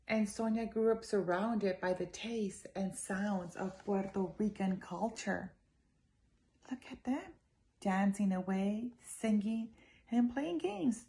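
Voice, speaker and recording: For a storytime read-aloud, a judge, a woman with a medium-pitched voice, reads a children's story expressively to young children. She is emphatic and speaks directly to her young audience.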